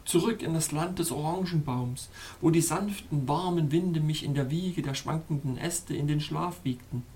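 Trapped little chimp, male, soft imploring plea, a bit higher, as the narrator puts him on. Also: moderate pace, lightly acted. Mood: pleading. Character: small male chimpanzee frozen in ice, pleading.

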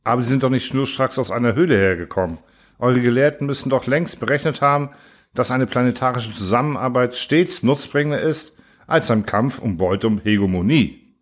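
Guy reading a book doing a big alien diplomat, impatient, quick questions, kinda snooty. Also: medium pitch, natural voice. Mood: impatient, probing. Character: huge alien male diplomat, brisk and condescending. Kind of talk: audiobook character voice.

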